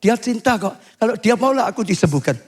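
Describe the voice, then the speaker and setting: Older male pastor, high voice. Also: expressive, fast, breathy edge. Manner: swings to high shouting when acting out cries. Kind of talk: sermon.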